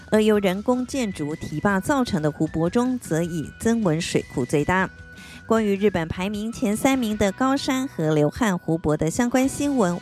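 A woman giving a scripted language lesson, repeating each word slowly and clearly for learners to practice. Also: lowish voice, a little mellow. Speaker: Japanese language teacher.

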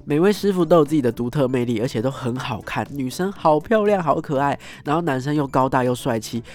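Animated male storyteller. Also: medium pitch, brisk. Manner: animated, acts out scenes, frequent tag particles. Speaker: host. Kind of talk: casual storytelling monologue.

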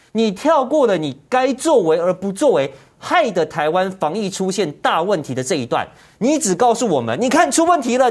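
Indignant commentary host, lively swooping pitch, rhetorical repeated questions. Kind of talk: heated political commentary.

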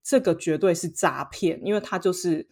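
A woman's voice: fairly low pitch, normal speed. A woman speaking Mandarin with a Taiwanese accent, co-hosting a casual podcast. She tells her stories with lots of energy, acting out quotes and laughing between them. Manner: animated, acts out quotes, laughs often. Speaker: podcast co-host. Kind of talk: casual chat, storytelling.

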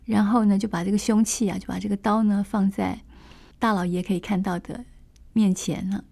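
A woman's voice: medium pitch, fairly even intonation, a little fast, creaky, mellow. A woman storyteller retelling a classic novel in a chatty way, with many fillers and asides.

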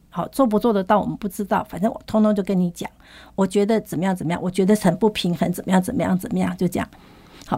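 A woman tells stories as an interview guest, talking quickly in a mellow voice. She acts out the lines she quotes with animation. The recording is close and dry. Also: medium pitch, dry recording. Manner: animated anecdote telling, acts out quoted dialogue. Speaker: food storage expert guest. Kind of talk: storytelling in an interview.

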